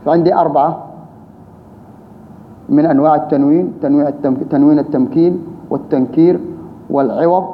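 A man's voice: a little high, fairly even intonation, fast, long pauses. A man teaching Arabic grammar, explaining patiently, repeating key terms and asking rhetorical questions. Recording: roomy reverb, dull lo-fi sound, faint hiss.

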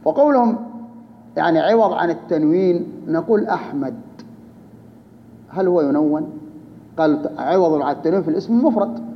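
A man's voice: on the high side, lively intonation, a little fast, long pauses. A man teaching a grammar lesson, explaining step by step and putting questions to his students. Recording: dull lo-fi hall recording with faint noise.

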